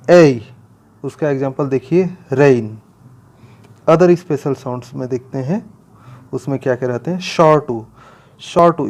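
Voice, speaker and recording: Indian guy teaching english pronunciation, slow and careful, repeats every sound, voice a bit high. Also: mellow. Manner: slow and deliberate, repeats each sound and its examples. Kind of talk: classroom-style pronunciation lesson.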